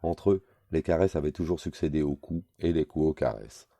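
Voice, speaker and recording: Man reading a novel aloud, measured, very deep voice, dark tone, dry studio. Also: vocal fry, no echo. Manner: measured, literary. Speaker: audiobook reader.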